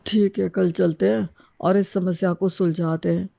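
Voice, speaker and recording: A woman voicing an impulsive young man in a cartoon story, with a gravelly voice. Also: on the low side, fairly even intonation, moderate pace, dark tone. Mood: determined. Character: young man, impulsive son scheming to fix a family feud.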